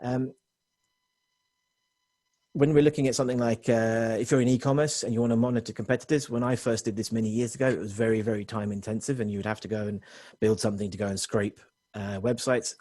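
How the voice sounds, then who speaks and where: A man working as a technology consultant, giving a quick webinar presentation to business owners with frequent restarts and self-corrections. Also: on the low side, fairly even intonation, mellow, no echo, clean studio sound.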